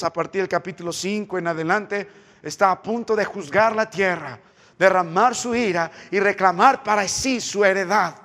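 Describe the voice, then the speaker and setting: A man with a Peruvian Spanish accent preaching a sermon as pastor, rising into loud, impassioned reading. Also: high-pitched, long reverb tail. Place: church.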